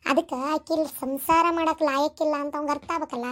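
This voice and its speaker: A sharp-tongued village mother-in-law from a cartoon family comedy, played by a woman in a North Karnataka Kannada accent. She scolds and gossips bluntly in a very high, shrill, piercing voice. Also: steady tone, fast talker, lightly acted. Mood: scheming.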